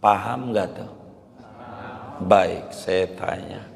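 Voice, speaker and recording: Man, preacher, hoarse, unhurried, repetitive questioning, reverberant hall. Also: low-pitched. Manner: repeats phrases, quizzes listeners, colloquial Betawi-flavored Indonesian. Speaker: Islamic preacher. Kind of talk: lecture sermon with questions to the audience.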